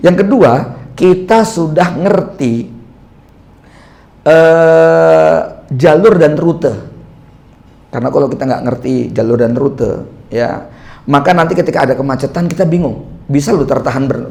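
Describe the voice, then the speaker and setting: A man's voice: a little high, gravelly, darkish tone. A man preaching in a chatty, conversational lecture style, throwing rhetorical questions at his listeners and acting out small bits of dialogue. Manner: acts out little quoted dialogues. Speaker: Islamic preacher.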